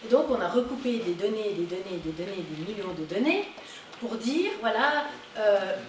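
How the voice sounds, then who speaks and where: A woman giving a conference talk, animated and emphatic on her key points. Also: mid-range voice, normal speed. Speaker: conference speaker. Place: conference hall. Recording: echoey hall, distant mic, noisy.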